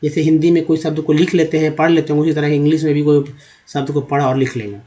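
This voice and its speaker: A man's voice: fairly high pitch, level tone, quick pace, dark tone. A man teaching English pronunciation from slides, asking questions and answering them himself and repeating each word several times. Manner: addresses viewers as friends. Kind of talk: slide-based pronunciation lesson.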